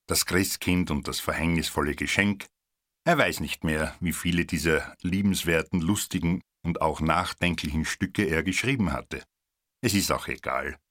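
A man reading a Christmas story aloud in a calm, measured way. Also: low voice, dry recording, clean studio sound. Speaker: narrator.

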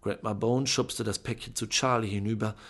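A man narrating a children's novel in a measured storytelling manner, with a gravelly, husky voice. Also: fairly low pitch, steady tone. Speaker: audiobook narrator. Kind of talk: scripted narration.

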